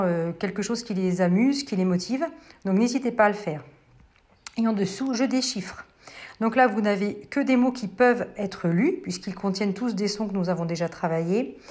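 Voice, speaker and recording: A French woman teacher talks parents through a reading lesson, patient and clear. She slows down to spell sounds out one by one. Her voice is mellow and warm. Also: mid-range voice. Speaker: first-grade teacher.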